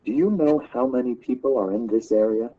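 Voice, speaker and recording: A man's voice: mid-range voice, fairly quick, narrow, tinny audio, slight background noise, lightly acted. A man reading aloud in a classroom story lesson, voicing a mysterious miner who asks knowing questions. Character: mysterious old-time male miner.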